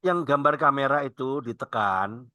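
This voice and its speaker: A man's voice: mid-range voice, normal speed, sharp tone, dry recording. A man hosting an online testimony interview, guiding the guest with short prompts and instructions. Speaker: host and evangelist.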